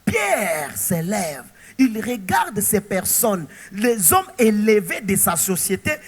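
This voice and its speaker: A male pastor preaching a sermon, animated and throwing rhetorical questions to the congregation. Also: high voice, slow, breathy edge, big-room sound.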